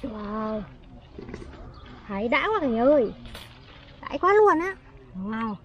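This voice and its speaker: A woman's voice: a little high, slow, muffled recording, slight background noise. A woman filming a casual vlog outdoors in an orchard, chatting and exclaiming with delight. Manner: excited exclamations while picking fruit. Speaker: vlogger.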